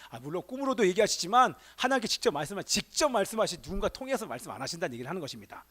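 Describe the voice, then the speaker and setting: A male pastor preaching a Sunday sermon in a church, firing rhetorical questions at the congregation and swinging between emphatic exclamations and hushed asides. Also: high-pitched, big pitch swings, rapid-fire, breathy edge. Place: church sanctuary.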